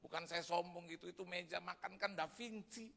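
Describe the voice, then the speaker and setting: A man's voice: high voice, a little fast, gravelly, a little hiss or hum. A male pastor giving a humorous sermon, telling a story to the congregation and acting out the other people in it. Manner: lively storytelling that acts out other people's voices; humorous and chatty, addressing the congregation as "saudara". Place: church hall. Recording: long reverb of a large hall.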